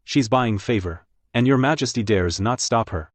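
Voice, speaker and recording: A man's voice: mid-range voice, moderate pace, no echo, natural voice. A man playing an uneasy court official serving an emperor in a dubbed period drama. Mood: grave.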